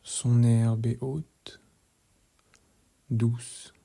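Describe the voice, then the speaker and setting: A man guides a relaxation meditation, speaking calmly and at a measured pace in a soft, hushed voice that often drops into a whisper. His tone is medium-pitched and creaky, and his manner is gently instructive.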